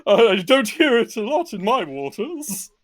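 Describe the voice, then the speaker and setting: A woman's voice: a little high, sing-song, moderate pace. A woman voicing a hapless, forgetful koi fish in a tabletop game, exclaiming and wailing melodramatically. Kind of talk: tabletop role-play.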